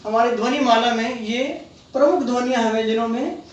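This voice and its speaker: A man teaching children, talking slowly and patiently and sounding out each letter one at a time. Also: very high-pitched, steady tone. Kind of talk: slow, deliberate classroom lesson. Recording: echoey room, voice from far off.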